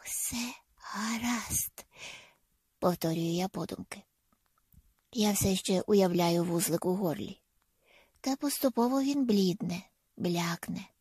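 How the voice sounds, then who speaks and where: Brief: female audiobook narrator, gravelly, intimate, half-whispered at times, medium pitch. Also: darkish tone, no echo, studio quality. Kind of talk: first-person audiobook narration.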